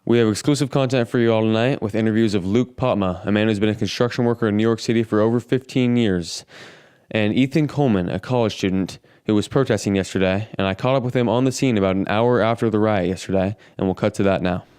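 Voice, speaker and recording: A man playing an earnest, brisk TV news anchor reading a scripted report. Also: lowish voice, a little mellow, clean tone, dry recording, clean studio sound, close to an everyday voice. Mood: brisk, presenting.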